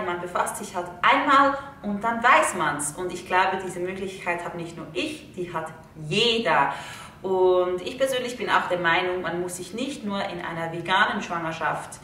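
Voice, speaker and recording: A young adult woman chatting earnestly and wordily to viewers in a casual explanatory style. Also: pushed and bright. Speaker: video host. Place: living room indoors, seated in an armchair. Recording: distant, echoey room with rumbly noise.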